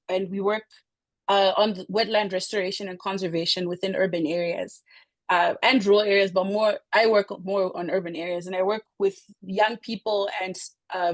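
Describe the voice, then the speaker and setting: With a medium-pitched voice and no echo, a woman from Zimbabwe in her thirties presents a talk casually. She uses many fillers and frequently restarts her sentences.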